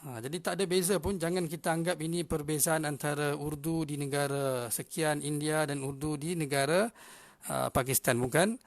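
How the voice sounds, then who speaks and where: A man with a Malaysian Malay accent teaching a language class, patiently repeating words slowly for pronunciation. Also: fairly high pitch, fairly even intonation, no echo. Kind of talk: language lesson.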